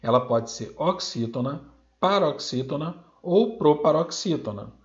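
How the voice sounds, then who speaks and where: A Brazilian Portuguese man teaching a recorded grammar lesson, sounding out example words slowly and loudly. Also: a little high, expressive, muffled recording.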